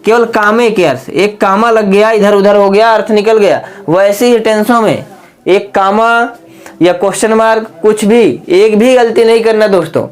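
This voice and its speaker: A man's voice: high voice, normal speed. A man teaching a spoken grammar lesson. He repeats his points and keeps putting rhetorical questions to his friends. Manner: repetitive, asks the class rhetorical questions and keeps calling them friends.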